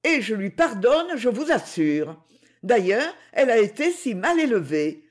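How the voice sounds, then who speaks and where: A reader voicing a gentle, pious young woman who speaks softly and pleads. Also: high voice, big pitch swings, slow, heavily acted. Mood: pleading. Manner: soft, pleading.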